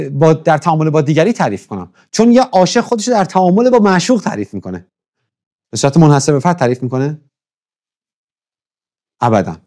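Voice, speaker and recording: A man's voice: a little high, darkish tone. A man teaching a church class in a conversational lecture, often stopping to ask his listeners questions and checking how he pronounces foreign words. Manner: conversational, keeps asking the audience questions.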